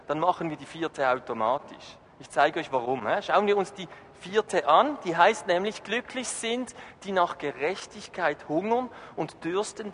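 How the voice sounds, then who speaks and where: Guy preaching in a church, high voice, lots of reverb, quizzes the crowd. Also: a bit bright. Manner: asks the congregation questions; emphatic, rising and falling. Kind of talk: sermon. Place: church hall. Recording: reverberant hall, faint noise.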